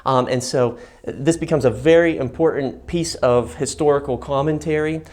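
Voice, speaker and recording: A man with a mid-range voice presents a guided history tour on location. He explains things informally, in measured phrases, and stresses key words as he goes. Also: mid-range voice, a little mellow. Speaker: host of a history and film channel, guiding a museum tour. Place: inside a museum gallery.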